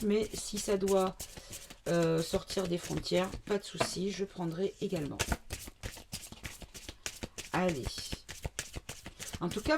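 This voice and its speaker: A woman's voice: medium pitch, noisy background. A woman from the south of France doing a casual card reading to camera, thinking aloud with many fillers and asides. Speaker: card reader.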